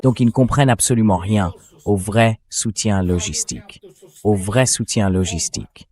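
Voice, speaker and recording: In a fairly low, slightly mellow voice at a normal pace, a man reads the translated voice-over of an interview guest. The political and military commentary comes across as scornful, blunt and conversational.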